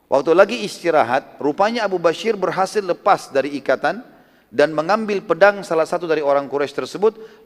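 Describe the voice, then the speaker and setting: Lively male preacher in reverberant hall. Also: fairly high pitch. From Indonesia. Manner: lively retelling, acts out quotes with tag "gitu kan". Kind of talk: storytelling religious lecture.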